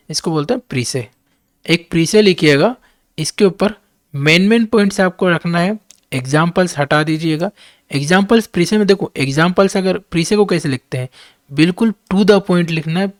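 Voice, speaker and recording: Indian guy teaching, reads english slow then explains fast, fairly high voice, dead dry sound. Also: no room sound. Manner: reads English slowly, explains in quick Hindi. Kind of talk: reading and explaining an editorial.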